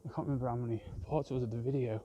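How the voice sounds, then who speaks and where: A man's voice: medium pitch, fairly even intonation, rapid-fire, dark tone, dull audio, a little hiss or hum. A man rambling and swearing constantly as he films a vlog on a walk outdoors in a park with his phone. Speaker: vlogger. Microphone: handheld phone camera.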